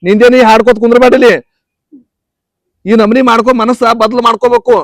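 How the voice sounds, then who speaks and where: A man's voice: very high-pitched, flat delivery, fast talker, no room sound, studio quality. A young man playing a boyfriend in a comedy skit, pleading and insistent, with a North Karnataka Kannada accent. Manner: pleading, insistent, repeats promises.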